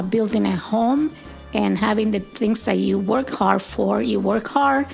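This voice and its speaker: Gravelly and medium-pitched, this Puerto Rican grandmother in her 70s, a native Spanish speaker, reflects on her life as an interviewee. She tells stories gently and without hurry, pausing thoughtfully and saying "uh."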